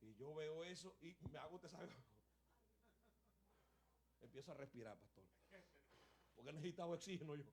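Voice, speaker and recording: A man from Venezuela, preaching a sermon in an animated storytelling style, often calling out "hermano" and "pastor". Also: a little high, measured pace, pauses often. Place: church.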